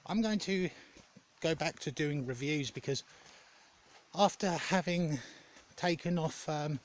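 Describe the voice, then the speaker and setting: A man giving a casual, rambling vlog update in a hesitant, halting way, often correcting himself. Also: on the high side. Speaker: gaming content creator.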